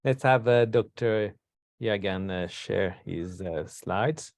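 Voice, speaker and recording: A man's voice: on the low side, slow, a little mellow, no room sound. A man moderating a webinar, speaking hesitantly with fillers. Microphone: video call.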